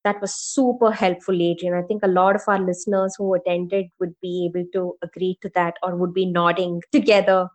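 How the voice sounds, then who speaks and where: Lively storytelling woman podcast co-host. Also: on the low side, a little fast, few pauses. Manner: lively storytelling, acts out quoted voices. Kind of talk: casual conversational podcast.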